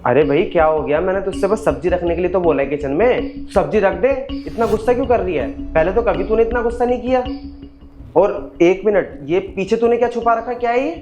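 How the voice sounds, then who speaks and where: A man's voice: high voice, brisk, music in the background, natural voice. A man playing a suspicious male house servant who keeps questioning and accusing the maid.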